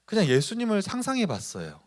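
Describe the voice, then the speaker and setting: A man's voice: sits high, huge pitch swings, quick pace. A man preaching at a youth service, putting on voices for the people he quotes and asking the congregation questions. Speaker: pastor.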